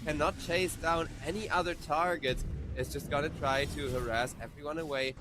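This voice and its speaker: A man giving fast play-by-play esports commentary who rises sharply in excitement at big plays. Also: on the high side, background noise. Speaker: esports caster.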